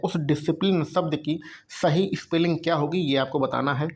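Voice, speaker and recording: A man teaching exam preparation in a recorded video lecture, explaining step by step, spelling words out letter by letter and checking in often with the viewers. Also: a little high. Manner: frequent "theek hai" check-ins, addresses viewers as bhaiya.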